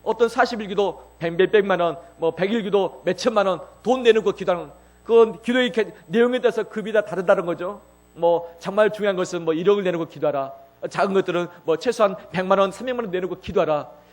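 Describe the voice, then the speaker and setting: A male pastor with a notably high-pitched voice delivers a sermon. He poses rhetorical questions and repeats phrases for emphasis. His delivery rises from quiet storytelling to loud, fervent preaching. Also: quick pace.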